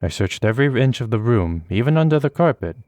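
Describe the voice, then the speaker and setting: A man reading a horror visual novel aloud in steady first-person narration. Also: medium pitch, fast, dry recording. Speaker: let's play host. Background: faint game music.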